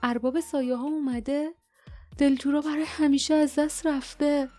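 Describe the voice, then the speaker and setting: A woman voicing a gentle, grave woman of a freed people who speaks earnestly and kindly in a storybook reading. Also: high voice, level tone, soft background music, voice pushed up, lightly acted. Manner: earnest, kind but fearful.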